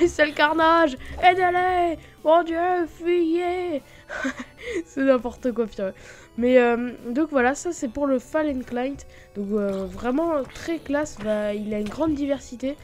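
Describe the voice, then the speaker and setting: A woman giving a chatty, excitable commentary while showing a game mod, with lots of fillers and sudden exclamations. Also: a little high. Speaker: gaming YouTuber. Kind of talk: Minecraft mod showcase commentary.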